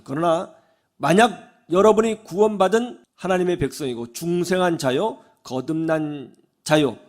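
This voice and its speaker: A male pastor preaching with a fairly high voice that swoops and jumps with emphasis. He keeps asking his listeners questions and answering them himself. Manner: animated, questions the congregation. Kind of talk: sermon.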